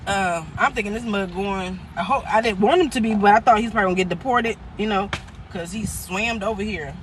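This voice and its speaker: Here a woman vlogger talks briskly at a medium pitch, with a little hiss or hum on the recording. Over a meal, she casually rambles through a personal story, laughing, restarting, and playing out what other people said.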